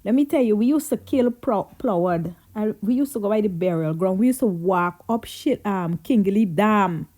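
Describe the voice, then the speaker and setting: A woman's voice: mid-range voice, expressive, moderate pace, few pauses, a little mellow. A Guyanese woman telling childhood stories in a chatty, reminiscing way, slipping into Creole as she goes. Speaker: vlogger. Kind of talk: casual storytelling.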